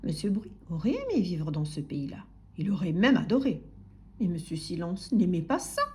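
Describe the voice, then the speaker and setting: A woman narrating a children's story aloud in an expressive, soft-spoken way, sometimes dropping to a whisper. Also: fairly low pitch, moderate pace, a little hiss or hum.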